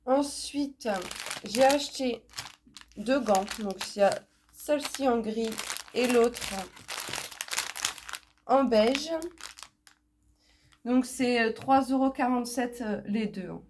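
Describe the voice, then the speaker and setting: With background noise behind her, a woman slowly shows off her haul, her fairly high voice broken by long pauses. A cold leaves her nasal and blocked up, and the casual unboxing chat is full of fillers and repeated words.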